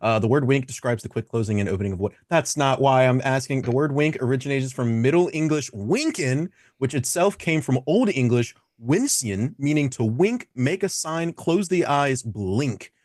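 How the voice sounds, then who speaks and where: Casting: male livestream contestant, mid-pitched, casual and off the cuff, very dry close recording. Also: lively intonation, normal speed, hardly any pauses, a little mellow, no echo. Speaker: contestant on a live stream show. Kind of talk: casual improvised chat.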